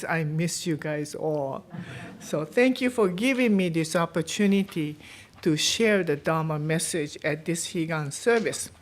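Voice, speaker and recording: A middle-aged woman from Japan with a Japanese accent, a guest minister giving a chatty, self-deprecating Dharma message in a temple. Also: low-pitched.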